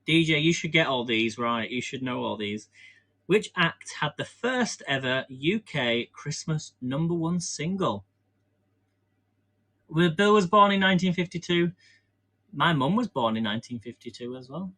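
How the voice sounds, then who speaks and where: On a casual kitchen live stream, an English man bakes while he hosts a quiz and chats, wandering off topic and laughing at himself often. His voice sits on the high side and sounds animated, pushed and bright, moving a little slowly. A stand-mounted camera picks up the audio.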